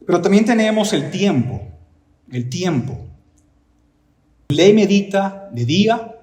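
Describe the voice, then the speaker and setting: A man's voice: high voice, expressive, takes it slowly, a little mellow. Emphatic preaching man, echoey room. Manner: emphatic preaching with repeated rhetorical questions. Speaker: pastor. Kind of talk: sermon.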